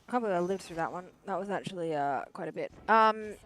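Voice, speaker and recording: A woman's voice: lowish voice, fast, fairly bright tone. A woman therapist chatting casually while gaming, rambling with lots of fillers and self-corrections.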